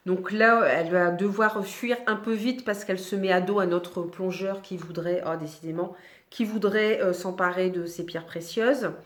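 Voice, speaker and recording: A woman's voice: medium pitch, steady tone, moderate pace. A woman chatting casually about books she has read, hesitating often with fillers and restarts. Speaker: book vlogger. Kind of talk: casual book review chat. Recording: echoey room.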